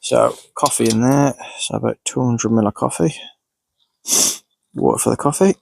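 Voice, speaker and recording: Sniffly, creaky-voiced man vlogging outdoors. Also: mid-range voice, fairly even intonation, moderate pace, a little mellow, no room sound. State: sniffly from a cold. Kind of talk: casual, unscripted narration while doing tasks. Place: outdoors in countryside.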